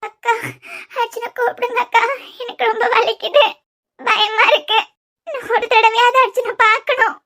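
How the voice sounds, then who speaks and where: A woman's voice: very high-pitched, little pitch movement, normal speed, pauses often, bright, forceful tone. A woman voicing a frightened pregnant young woman in labor, pleading fearfully in a Kanyakumari Tamil accent. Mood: scared pleading.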